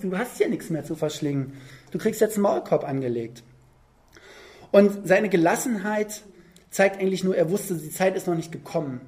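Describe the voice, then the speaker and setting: A preacher talks through a Bible passage in a loose, chatty way, painting the scene with lively storytelling. The delivery is informal and full of small check-in questions to the listeners. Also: medium pitch. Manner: conversational, vivid storytelling with tag questions. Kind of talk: sermon.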